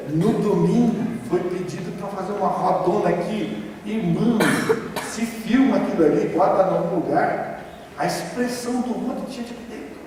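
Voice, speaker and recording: High-voiced Brazilian pastor in echoey church. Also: male voice, darkish tone. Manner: conversational and humorous, many rhetorical questions. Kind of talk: sermon. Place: large church sanctuary. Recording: echoey church hall, distant mic, faint hiss.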